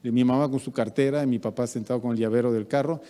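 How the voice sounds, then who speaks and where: A man's voice: medium pitch, fast talker. A man with a Peruvian Spanish accent preaching a sermon, acting out everyday anecdotes. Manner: animated preaching with acted-out anecdotes. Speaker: pastor. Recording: church hall with long reverb.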